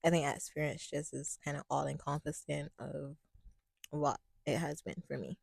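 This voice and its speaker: Panelist, young woman from Barbados, low gravelly voice, measured and hesitant. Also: fairly even intonation, no echo, studio quality. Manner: measured, hesitant, with many ums. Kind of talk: casual panel talk.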